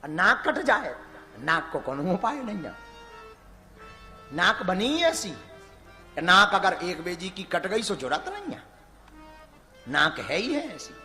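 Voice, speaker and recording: A man preaches, his high, bright voice leaping up and down as he dramatizes a devotional tale and breaks into chanted verse. It rings through a large echoing hall, with soft music playing underneath. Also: very animated, slow pace, long pauses. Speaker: religious storyteller. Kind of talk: devotional sermon storytelling. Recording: echoey hall with music behind.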